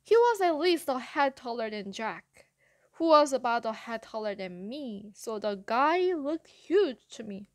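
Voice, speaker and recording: Woman reader, high voice, unhurried first-person novel narration. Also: very animated. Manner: measured first-person storytelling. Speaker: audiobook reader.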